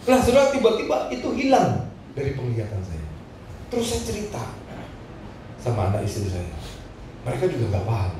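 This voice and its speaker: A man preaches to a congregation in a big echoing hall, heard from some way off the mic. His voice sits high and swings lively up and down as he tells his story and chuckles between lines, with a faint room hum behind. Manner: storytelling, addresses the congregation, laughs between phrases. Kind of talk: sermon with personal testimony. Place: church hall. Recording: echoey hall, voice from a distance.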